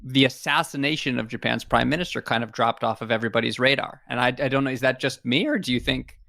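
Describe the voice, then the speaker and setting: A man hosting a podcast tells stories in a chatty, hesitant way, restarting phrases as he thinks. His voice sits at a middling pitch, and the sound is dry and close with no room around it. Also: fairly even intonation, quick pace, vocal fry, sharp tone, no echo. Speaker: podcast host. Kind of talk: podcast conversation.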